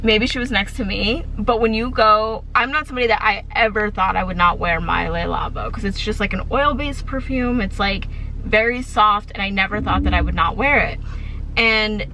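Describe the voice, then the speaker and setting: A woman's voice: mid-range voice, moderate pace, bright, forceful tone, a little hiss or hum, rough recording. A woman vlogger chatting casually, full of "like" fillers. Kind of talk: casual chat.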